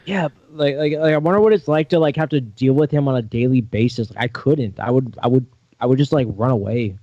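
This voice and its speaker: A man's voice: mid-range voice, brisk, warm tone, no echo. A man co-hosting a show with rambling, sarcastic, profane casual chat. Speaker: show co-host. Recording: slightly dull, lo-fi mic.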